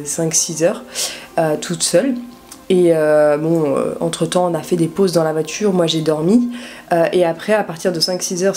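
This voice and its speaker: Low-pitched young Frenchwoman telling a casual story. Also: a little mellow. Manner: informal, slangy, addresses the viewer directly. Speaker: vlogger telling a personal story.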